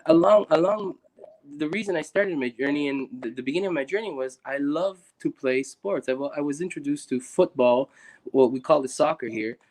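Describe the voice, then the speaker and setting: Brief: young man from Guatemala, earnest and reflective, a touch high in pitch, stumbling restarts. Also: darkish tone. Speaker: guest. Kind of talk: casual conversation on a live stream.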